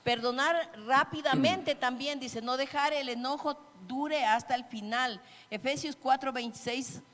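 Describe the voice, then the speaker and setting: A woman in her sixties with an Ecuadorian Spanish accent, teaching couples at church in a gentle, explanatory way. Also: high voice, a little slow. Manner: gentle and explanatory, acts out example phrases. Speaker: church couples-ministry speaker. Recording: reverberant church hall.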